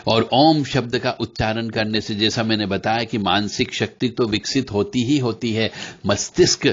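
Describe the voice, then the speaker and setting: A man's voice: lowish voice, steady tone. Man giving a mantra lesson, lo-fi. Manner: instructive, addresses listeners directly, chants syllables slowly. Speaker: spiritual teacher. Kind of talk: devotional lecture on mantras. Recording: slightly dull lo-fi recording.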